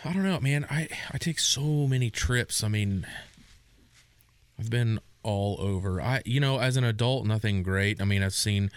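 A man's voice: fairly low pitch, normal speed, clear, resonant tone. A man co-hosting a podcast, telling crude stories in casual chat and trailing off in fragments. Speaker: podcast co-host.

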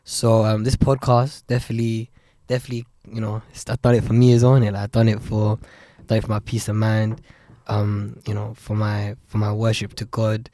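A man's voice: lowish voice, completely flat delivery, fairly quick, dark tone, no room sound. A young man with a London accent, chatting casually as a podcast co-host. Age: young adult. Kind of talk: casual chat.

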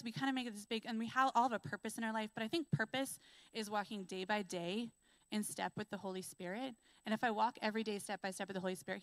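A woman preaching a sermon in a conversational, earnest way, full of casual fillers, who slows down and builds emphasis when she reads scripture. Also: mid-range voice, a bit bright, no echo, poor audio. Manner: reads scripture aloud with slow, rising emphasis. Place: church.

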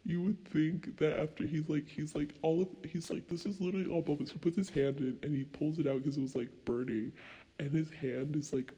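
Husky young guy, highish voice, rants and swears on a late night podcast. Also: normal speed, rough recording. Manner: rambling, swears a lot, animated storytelling. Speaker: podcast co-host. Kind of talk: casual late-night chat.

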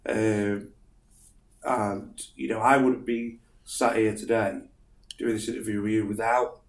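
A man's voice: fairly low pitch, flat delivery, a little slow. Rambling northern English man in an echoey room. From northern England. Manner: rambling, humble, many fillers. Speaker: guest, martial arts instructor. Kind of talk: casual interview.

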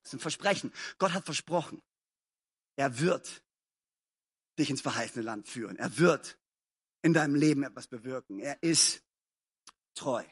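A man preaching a live evening sermon in church as pastor, emphatic, repeating phrases and swinging between loud calls and quiet, close passages. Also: mid-range voice, lively intonation, normal speed, long pauses, breathy edge. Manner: admits to stumbling over sentences and grammar. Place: church service.

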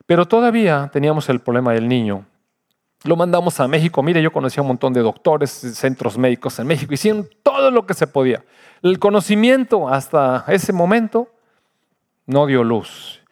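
An older man, a pastor giving an earnest personal testimony in a sermon, his voice swinging from loud to hushed. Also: fairly high pitch.

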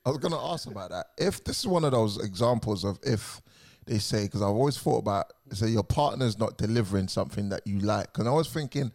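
A man's voice: fairly low pitch, lively intonation, brisk, a little mellow. A man with a London roadman accent and urban slang, bantering casually as a panel show host.

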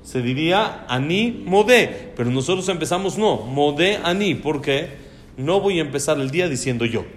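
A man's voice: on the high side, lively intonation, normal speed, slight background noise. A man teaching a religious lesson on prayer, posing questions and answering them himself. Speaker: Torah teacher.

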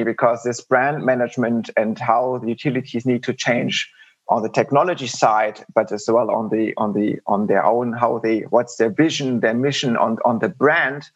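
A man speaks as a guest on a podcast, his voice slightly husky. The audio comes through dull and lo-fi, like a remote call. He talks in a conversational way, often repeating words and restarting phrases. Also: mid-range voice. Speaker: podcast guest, software industry director. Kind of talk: conversational interview answers.

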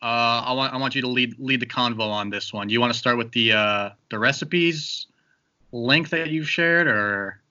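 A man's voice: medium pitch, normal speed, sharp tone, highs cut off. A man hosting a casual podcast chat, joking and loose, with plenty of fillers. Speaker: podcast host.

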